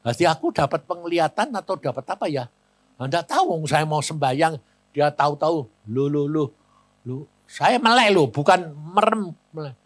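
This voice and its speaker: An older man with a Javanese accent preaches through vivid personal stories, blunt and plain-spoken. His pitch leaps high and drops low constantly. The recording is dry and close, with no room echo. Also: very animated, brisk. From Central Java, Indonesia. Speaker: evangelist preacher. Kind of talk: sermon storytelling.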